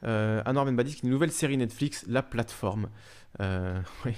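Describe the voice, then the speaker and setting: Halting French-speaking man hosting a livestream. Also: medium pitch, darkish tone, clear, resonant tone. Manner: halting, many fillers and restarts. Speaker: livestream host. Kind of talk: casual live-stream chat, reading viewer messages.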